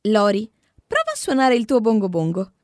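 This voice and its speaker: A woman doing a calm coaxing schoolteacher. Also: medium pitch, normal speed, no room sound, clean studio sound. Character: calm patient female schoolteacher.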